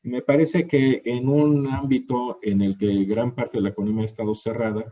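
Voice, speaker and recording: A man's voice: mid-range voice, level tone, normal speed. A man moderating an online industry webinar, hesitant and full of fillers, speaking over a video call. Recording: dull lo-fi call audio.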